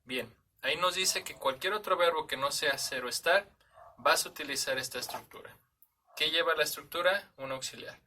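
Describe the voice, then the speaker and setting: Bright-voiced Mexican man teaching English grammar. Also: a little high, moderate pace, distant mic, a little hiss or hum. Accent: Mexican Spanish. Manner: conversational, checks in with "¿sale?" and "¿ok?". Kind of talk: explaining grammar in a lesson.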